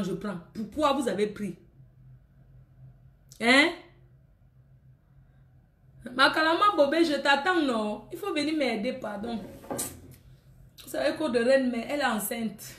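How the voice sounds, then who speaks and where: A woman's voice: high voice, a bit bright, echoey room. A woman selling clothes on a live stream, chatting with her viewers in a scolding, teasing, laughing way.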